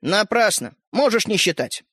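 A man's voice: sits high, sing-song, fairly bright tone, slightly rough, no room sound, studio quality, exaggerated voice. A man voicing a touchy, boastful tiny fairy-tale hero who lectures and takes offence easily, in a storybook reading. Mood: urgent. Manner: huffy, lecturing, quick to take offence.

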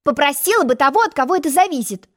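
A puffed-up, self-important egg from a storybook lectures in a high, sing-song voice, as a woman acts him out. His pitch leaps about eagerly, and every reply drips with condescension. He takes offense at the slightest remark. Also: animated. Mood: lecturing. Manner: haughty, lecturing, quick to take offense. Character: pompous boastful egg-shaped male storybook character. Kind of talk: storybook reading.

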